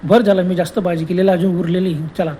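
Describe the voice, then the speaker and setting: A man's voice: high-pitched, flat delivery, warm tone, a little hiss or hum, lightly acted. A man voicing a worried, practical wife who questions and scolds her husband. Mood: scolding. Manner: anxious questions, then brisk scolding.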